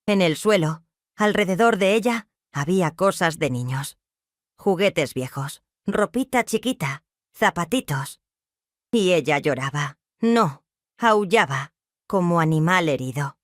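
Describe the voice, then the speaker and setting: A woman narrating a first-person dramatic story in a hushed, suspenseful, emotional way. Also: fairly low pitch, animated, a little slow, no room sound, clean studio sound.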